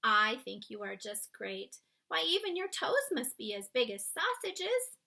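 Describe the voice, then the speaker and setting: A woman's voice: fairly high pitch, very animated, a little slow, creaky, sharp tone, heavily acted. A woman voicing a small, curious, kind-hearted girl from a children's storybook, earnest and full of questions. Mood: kindly. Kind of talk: read-aloud children's storybook character.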